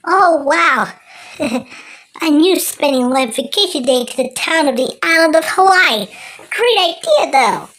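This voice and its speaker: Someone doing a high, swooping cartoon Woody Woodpecker. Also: animated, unhurried, a bit bright. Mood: excited. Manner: rambling, muttering to himself, with exclamations. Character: cocky, excitable cartoon woodpecker, scheming and boastful. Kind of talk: amateur cartoon character impression.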